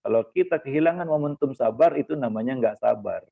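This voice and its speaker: Gravelly-voiced man preaching over a tinny line. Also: medium pitch, fairly quick. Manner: homely, teasing asides with laughs and fillers. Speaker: ustaz giving a parenting talk. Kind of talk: Islamic study talk to fathers. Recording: lo-fi phone-like recording.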